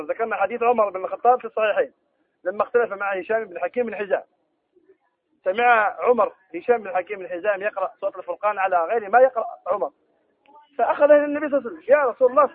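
A man teaching a Quran recitation lesson, explaining rules with questions to his students and reciting the examples slowly. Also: sits high, phone-quality sound. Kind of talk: tajweed lesson.

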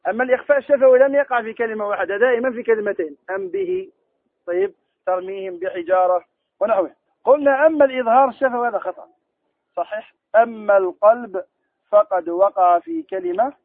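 A man teaching Quran recitation rules in a classroom lesson, quizzing students and then answering his own questions, slowing down to recite verse examples. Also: high-pitched, no echo. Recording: tinny phone-like lo-fi recording.

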